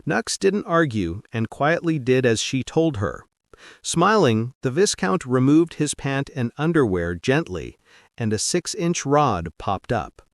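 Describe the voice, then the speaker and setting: Male audio-story narrator, unhurried and animated, dry close read. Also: medium pitch, no room sound.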